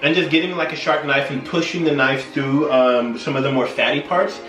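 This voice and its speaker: A man hosts a casual cooking vlog in a tipsy, meandering way, losing his thread as he explains things. His voice sits at a middling pitch, picked up from a distance in a roomy, echoing space with faint music. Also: normal speed. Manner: tipsy, rambling, loses his train of thought. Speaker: host of a cooking video.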